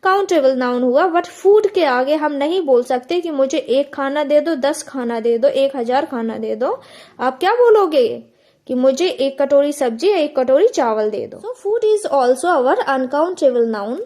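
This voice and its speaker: Woman, high-pitched, grammar teacher, lesson style, question-and-answer delivery, repeats key words. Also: expressive, a little mellow. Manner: slows down and stretches out example phrases.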